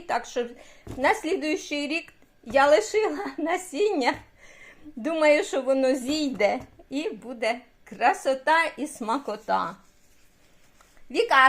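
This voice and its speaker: A woman's voice: high voice, fairly bright tone, no echo. A retired woman in her sixties from Ukraine, chatting casually in a vlog and cooing baby talk to a toddler on an evening walk outdoors. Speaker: retired vlogger, great-grandmother.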